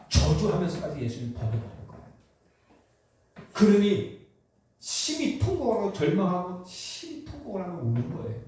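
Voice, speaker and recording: A man preaching a Sunday sermon as pastor, telling the story with animated rhetorical questions. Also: sits high, a little hiss or hum. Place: church sanctuary. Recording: very echoey church hall from a distant mic.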